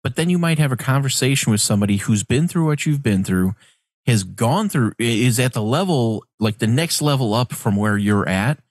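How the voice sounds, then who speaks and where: A man's voice: medium pitch, expressive, moderate pace, no room sound. A man in casual podcast discussion who illustrates his points by acting out imagined dialogue.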